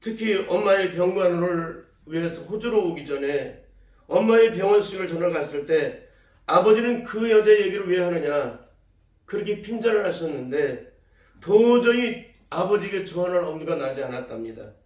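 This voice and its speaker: A man's voice: high-pitched, lively intonation, moderate pace, darkish tone. A male pastor telling a testimony in a sermon, acting out the cries and words of the people in the story. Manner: tells a testimony, acting out quoted cries and speech. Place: church sanctuary. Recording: echoey hall, voice from far off the mic.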